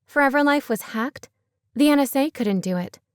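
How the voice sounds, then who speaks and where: A woman reading aloud voices an incredulous woman lawyer asking sharp questions. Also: high-pitched, animated, moderate pace, dry recording, clean studio sound, voice pushed up.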